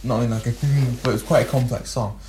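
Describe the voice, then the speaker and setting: A young man, a musician guest, telling stories in a rambling, animated way with frequent laughs. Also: mid-range voice, brisk, a little hiss or hum. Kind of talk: casual storytelling chat.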